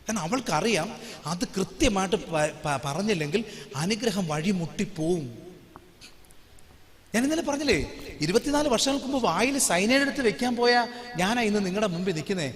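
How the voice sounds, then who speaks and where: A man preaching a sermon and telling a personal story with dramatic swings from hushed to loud. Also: sits high, lively intonation, a little fast, long pauses, in a large hall.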